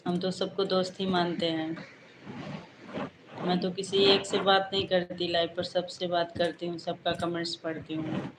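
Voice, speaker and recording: A woman's voice: lowish voice, little pitch movement, normal speed. A woman hosting a casual livestream, greeting viewers by name and answering their comments one by one. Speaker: livestream host. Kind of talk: casual live chat with viewers. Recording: echoey room with background noise.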